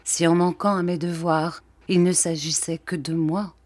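A woman's voice: on the low side, little pitch movement, moderate pace, darkish tone, dry recording, natural voice. A woman voicing a proud, anguished noblewoman torn by duty, in an audiobook reading.

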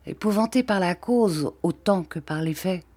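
Brief: a woman narrator, measured and earnest, with a mellow, dark tone. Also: fairly low pitch, husky, dry recording. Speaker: audiobook narrator. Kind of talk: audiobook reading.

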